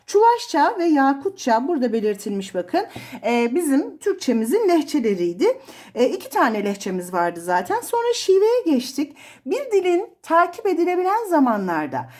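A woman's voice: high voice, a little mellow. A woman literature teacher giving an explanatory exam review lesson, listing terms with frequent fillers.

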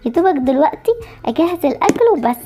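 Faint music plays behind a woman with an Egyptian Arabic accent who voices the anxious young mother of twin girls in an amateur game story. She speaks very fast in a high-pitched, animated, dark-toned voice, alternately scolding and soothing.

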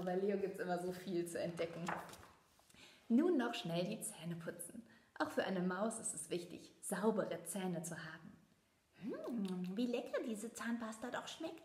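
A woman reading a picture book aloud to children, lively and chatty, showing them the pictures. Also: mid-range voice, echoey room. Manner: lively, talks directly to children. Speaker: storybook reader.

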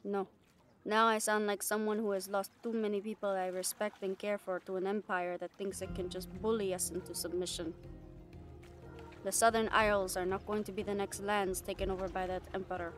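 Playing a loyal, fierce catgirl first mate aboard a pirate ship for a roleplay audio drama, this woman sounds defiant, determined, earnest, and plain-spoken. She talks fairly quickly in a natural, mid-range voice with little pitch movement, with music behind her.

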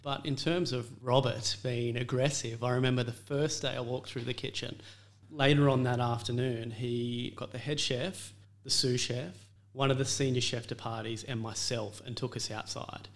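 Speaking at medium pitch with a steady tone and normal speed, a male chef who owns a restaurant reflects on his career as an interview guest. The casual conversation has him earnest and thoughtful, relying on plenty of fillers.

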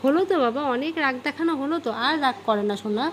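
High-voiced mother coaxing softly. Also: animated, rapid-fire, noisy background. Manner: pleading, coaxing in a high soft voice. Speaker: mother coaxing her child. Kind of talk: home vlog with child. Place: home bedroom.

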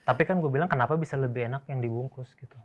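Fast-talking teasing male interviewer. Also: mid-range voice, highs cut off. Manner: teasing, interrupting, rapid-fire questions. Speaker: interviewer and host. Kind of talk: mock-serious comedic interview.

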